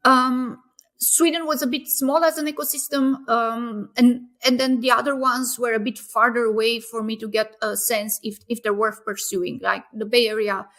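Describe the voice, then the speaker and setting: A woman, a company founder, answering interview questions in a casual, thoughtful way, often pausing with fillers and restarting phrases. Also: fairly high pitch, steady tone, a bit bright.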